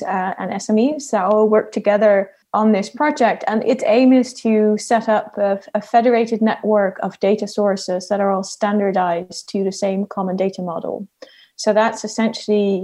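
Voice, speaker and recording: A woman with a Dutch accent gives explanatory interview answers in measured, somewhat hesitant phrasing. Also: medium pitch, warm tone. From Netherlands. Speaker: interview guest, health research scientific advisor. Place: at home in a kitchen.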